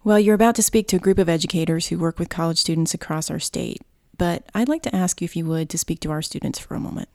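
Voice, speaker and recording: A woman interviews a guest as a podcast host, courteous and appreciative. Her voice sits slightly low, with a dark, mellow tone and noticeable vocal fry. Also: fast, no room sound, studio quality. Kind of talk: polite interview hosting.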